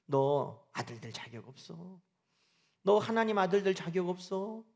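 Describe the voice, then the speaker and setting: Sly accusing devil, low and hushed, taunting, played by a male preacher, fairly high-voiced man. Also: expressive, moderate pace.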